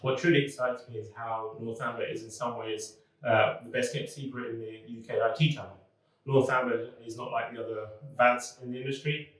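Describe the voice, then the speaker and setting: A man, a business development manager, speaking in a relaxed, conversational way in a corporate talking-head video. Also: medium pitch, brisk. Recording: very echoey room, mic far off.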